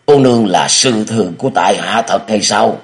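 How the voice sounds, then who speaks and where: A man's voice: on the low side, moderate pace, pitched above the performer's own voice, close to an everyday voice. A man voicing a bewildered young male swordsman who stammers and has lost his memory. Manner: stammering, bewildered, turning fierce.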